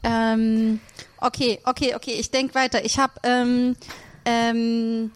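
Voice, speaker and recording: A woman's voice: fairly high pitch, level tone, slow pace, smooth. A woman voicing a flustered author in a comic role-play, hesitating and repeating her answers while she stalls for time. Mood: stalling.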